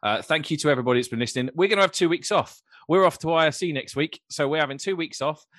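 A man's voice: fairly high pitch, fast talker, a bit bright, no echo, studio quality. A man hosting a podcast, upbeat and effusive as he wraps up the episode. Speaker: podcast host. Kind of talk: casual podcast chat.

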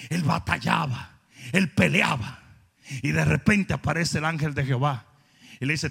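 A male pastor preaching with shouting emphasis and playful asides. His voice sits very high and cuts through bright and forceful. A husky, gravelly edge runs through it. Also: long reverb tail. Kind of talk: sermon.

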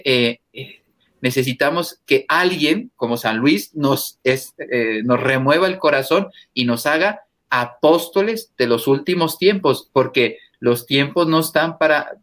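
Emphatic priest speaking forcefully. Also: male voice. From Mexico. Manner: emphatic, forceful, rises in pitch when stressing points. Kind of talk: interview guest, impassioned preaching talk.

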